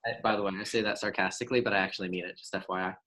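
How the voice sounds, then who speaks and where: A man's voice: fairly low pitch, steady tone, rapid-fire, heavy background noise. A man leading a group sales training, trading jokes and sarcasm with the group before giving upbeat instruction. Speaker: sales team leader running a training.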